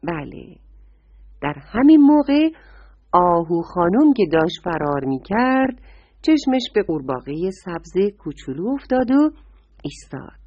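A woman tells a children's bedtime story, tender and warmly addressing young listeners. Her voice is breathy and very lively in pitch. The recording is dry, dull and lo-fi. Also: dry recording.

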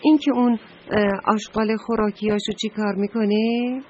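A woman's voice: mid-range voice, steady tone, dull audio, close to an everyday voice. Fussy blue trash can from a kids story, a lady voicing it, frets and stammers, faint hiss behind. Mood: fretful. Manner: fretful, emphatic, with many hesitations.

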